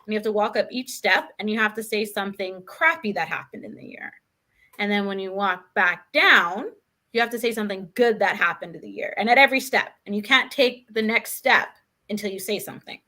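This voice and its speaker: A woman speaking as a guest, telling a story in a chatty, animated way with many "like"s and "right?"s. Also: mid-range voice, brisk. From Canada. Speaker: guest, author. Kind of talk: casual conversational storytelling.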